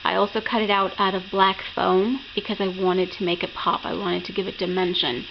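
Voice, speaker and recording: A woman's voice: medium pitch, level tone, a little fast. A woman with a sore throat from being sick, chatting enthusiastically as she shows off her craft projects in a casual vlog. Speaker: craft vlogger. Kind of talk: casual project show-and-tell. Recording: muffled lo-fi sound with clear background noise.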